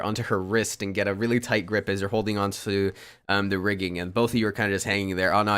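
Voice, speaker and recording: Deep, smooth-voiced male dungeon master. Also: fairly bright tone. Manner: loose narration full of ums and restarts. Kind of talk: narrating a tabletop game.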